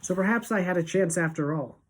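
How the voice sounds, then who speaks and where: A woman teacher reading a novel aloud to students, expressive and shifting between hushed and emphatic. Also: fairly low pitch, a little fast, rough recording.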